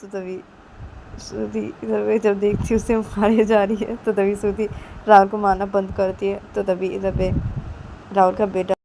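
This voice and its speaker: A woman storyteller casually retelling a family drama in a plain, unhurried way, linking events with repeated phrases. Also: mid-range voice, flat delivery, gravelly, mellow, a little hiss or hum, poor audio.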